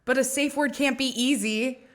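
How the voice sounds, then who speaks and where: A woman's voice: high-pitched, fairly even intonation, normal speed, a bit bright. A woman co-hosting a podcast in casual chat, rambling and self-deprecating with frequent giggles. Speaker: podcast co-host.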